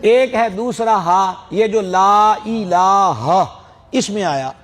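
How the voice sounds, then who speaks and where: A man's voice: high voice, a bit bright. A middle-aged man from Pakistan, preaching and teaching how to pronounce prayer words, drawing out sounds to demonstrate them and raising emphatic questions. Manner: explanatory, drawn-out demonstrations of Arabic sounds, rising emphatic questions. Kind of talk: religious lecture.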